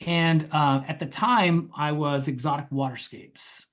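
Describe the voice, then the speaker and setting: A man telling a story as the guest in a podcast interview. His delivery is casual and animated, he acts out the voices in his story and swears freely. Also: fairly high pitch, a little slow. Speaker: guest, pond construction company founder.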